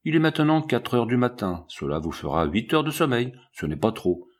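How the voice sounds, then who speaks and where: A man voicing an irritable, nervous old scientist in an audiobook, husky and fussy in manner. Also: mid-range voice, sing-song, brisk. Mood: explaining.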